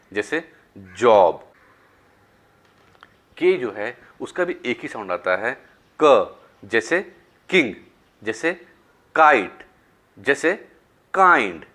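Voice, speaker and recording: Man, phonics teacher, slow and deliberate, lively pitch, loud high stresses on example words. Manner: mixes English words into teaching talk. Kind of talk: phonics lesson.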